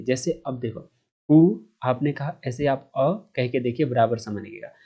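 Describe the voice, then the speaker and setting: A man's voice: mid-range voice, dark tone, highs cut off. Man teaching, drawing out long vowels. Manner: explains step by step, asks himself questions and answers them; draws out vowel sounds to show their length. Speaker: Sanskrit grammar teacher. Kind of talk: online grammar lesson.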